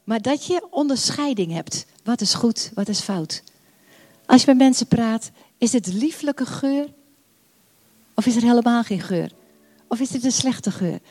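An older woman preaching a sermon, warm and emphatic, repeating phrases and drawing out her prayers. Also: fairly high pitch, lively intonation, measured pace, long pauses. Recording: long hall reverb.

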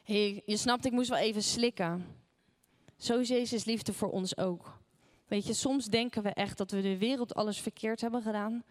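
A woman's voice: medium pitch, fairly even intonation, moderate pace. A woman preaching a sermon, telling a personal story and asking the listeners questions along the way.

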